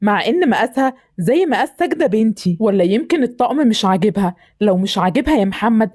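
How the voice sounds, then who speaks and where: A woman's voice: mid-range voice, animated, quick pace, a little mellow, slightly rough. A woman with an Egyptian accent voicing a kind, well-off engineer who turns indignant, in an amateur voice drama. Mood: puzzled. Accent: Egyptian Arabic. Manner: generous and indignant.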